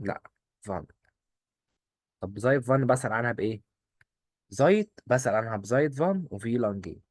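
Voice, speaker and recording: A man with an Egyptian Arabic accent teaching a German exam-prep lesson, quizzing and answering his own questions in quick drills. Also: mid-range voice, darkish tone, breathy edge, no room sound. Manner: coaxing, repeats rules in quick drills.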